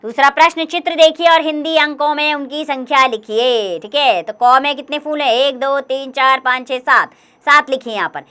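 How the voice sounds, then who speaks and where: A woman's voice: sits high, moderate pace, pushed and bright. A young woman teacher patiently explaining a grammar workbook to children, counting aloud and encouraging them.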